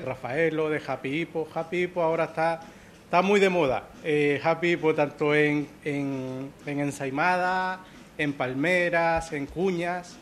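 A man's voice: fairly high pitch, a bit bright, slight background noise. A man from Ecuador who manages a pastry shop, answering interview questions in a hesitant way, repeating words and checking in with "¿vale?".

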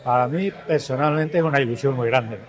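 A man in his seventies talks about amateur tennis in a reflective, earnest way. His voice sits at a middle pitch for a man. He answers an interviewer's question. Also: brisk. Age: 70s.

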